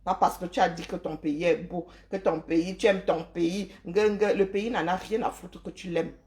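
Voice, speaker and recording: With a lowish, slightly mellow voice held steady at a moderate pace, a woman from Cameroon delivers an opinionated live-stream monologue. She lectures her audience forcefully, tossing in rhetorical questions and words like "hein".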